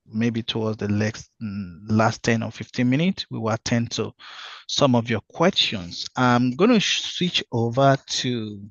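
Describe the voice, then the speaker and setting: A man of middle pitch hosting an online webinar over a video call, often pausing on "uh" and restarting his sentences. The audio is dull and dry, with no room sound. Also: no room sound. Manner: hesitant, many fillers and restarts. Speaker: webinar host. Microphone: video call microphone.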